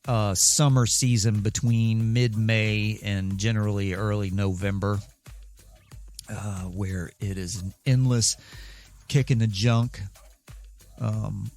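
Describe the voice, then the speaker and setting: A man's voice: on the low side, fairly even intonation, slow pace, a little mellow, soft background music. A man hosting a casual solo podcast, telling stories in a rambling, wry, self-deprecating way. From southeastern United States. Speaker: podcast host.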